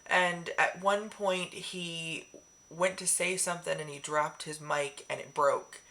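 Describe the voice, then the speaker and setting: Gravelly bright-voiced woman vlogger. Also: lowish voice, slow, a little hiss or hum. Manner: rambling and excitable, many fillers. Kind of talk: casual chat.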